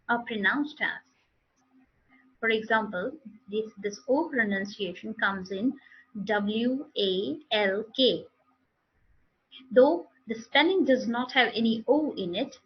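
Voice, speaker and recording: Woman teacher with an Indian English accent, unhurried and drilling words, fairly high, dull lo-fi sound. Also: husky. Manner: slow, deliberate, repeating model words and sentences. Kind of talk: demo lesson on pronunciation.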